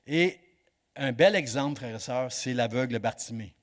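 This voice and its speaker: A male pastor preaching a sermon in church, swinging between loud exhortation and hushed emphasis. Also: medium pitch, moderate pace.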